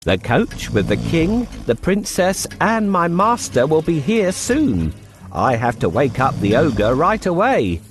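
A cunning, smooth-talking cat, put on by a man for a bedtime storybook. The voice sits high and swings widely in pitch as he flatters and persuades. It sounds playful and scheming. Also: a little slow, faint music behind. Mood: urgent.

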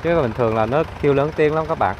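A man's voice: mid-range voice, fast, dull audio. Chatty Southern Vietnamese car salesman. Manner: chatty, upbeat sales patter with frequent fillers. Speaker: used car dealer. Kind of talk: casual walkaround sales video. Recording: engine noise and ambient clatter. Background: idling car engine.

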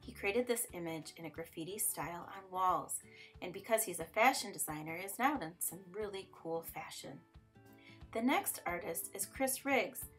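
A woman's voice: on the low side, animated, moderate pace, faint music behind. A woman reading scripted educational narration for children as an art teacher.

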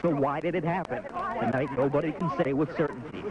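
A man's voice: on the high side, brisk, over a noisy crowd. A man narrating a scripted TV news report, heard on warbly old tape. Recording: warbly dull 1980s tape, clear noise.

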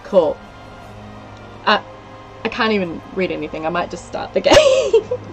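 Her pitch is medium but swings hugely, and she takes her time; the audio is poor, with faint music behind. She's a woman in her thirties from New Zealand, chatty and giggly on a headset in a small indoor room, reading out viewer comments and place names during a casual game livestream.

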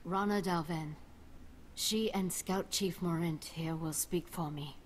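A bitter, sickly matriarch. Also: female voice, on the low side, slow pace, slight background noise. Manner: haughty and reproachful. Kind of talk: game voice acting.

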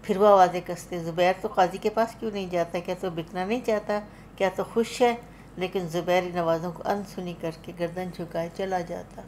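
Low-voiced woman narrating a literary story. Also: fairly even intonation, fairly quick, few pauses, darkish tone, slight background noise. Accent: Pakistani Urdu. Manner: dramatic, voices the characters' cries with rising force. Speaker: audiobook narrator.

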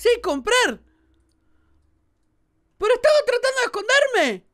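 Shrieking excitable Argentine woman gamer. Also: extremely high pitch, measured pace. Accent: Argentine Spanish. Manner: excitable, shrieks and laughs a lot. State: sore throat. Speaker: gaming YouTuber. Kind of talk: let's play commentary.

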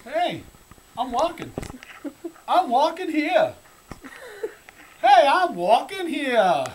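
A man voicing a brash New York pedestrian in a put-on New York accent, yelling slow and drawn out at a cab. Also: extremely high pitch, very animated, slight background noise, voice pushed up, exaggerated voice. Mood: indignant. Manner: loud, drawn-out, indignant shouting.

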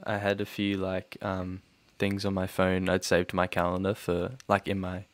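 Male podcast co-host, relaxed, low-pitched, dry close mic. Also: moderate pace, no echo. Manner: easygoing, brief replies. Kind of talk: casual chat.

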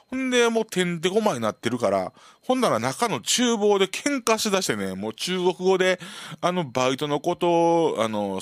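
A man's voice: mid-range voice, no echo. A man with a Kansai accent hosting a radio show, telling a casual story and acting it out with sound effects. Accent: Kansai Japanese. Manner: animated, full of sound effects and acted-out voices. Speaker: radio host. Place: community radio studio.

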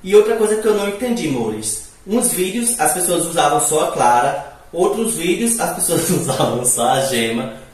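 His voice a little high and animated, a young Natal-born vlogger talks casually and playfully as he cooks, often giggling, at a moderate pace. The accent is northeastern Brazilian, close to Recife's, with hissing s sounds. A camera several feet away records him in his echoey tiled home kitchen.

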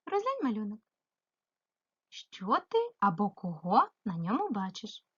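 A female primary school teacher giving a remote grammar lesson, asking the pupil questions and answering them herself, stretching example words slowly. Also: mid-range voice, huge pitch swings, fairly bright tone, slightly rough, dull audio. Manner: slow, sing-song emphasis on example words; addresses the pupil directly, asks and answers herself.

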